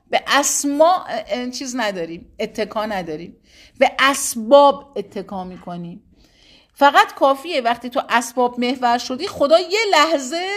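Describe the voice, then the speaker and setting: A woman with a slightly high voice leads a religious class. She speaks in a loose, colloquial way and explains each point to her students through stories from her own life. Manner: colloquial and explanatory, with personal anecdotes. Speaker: religious teacher. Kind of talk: informal religious lesson to students.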